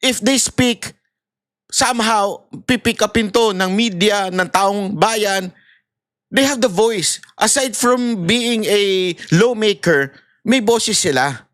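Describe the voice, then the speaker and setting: A man's voice: high-pitched, slow, fairly bright tone, no room sound, clean studio sound. A man in impassioned political commentary, ranting and mocking, with laughs and acted-out voices. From Philippines.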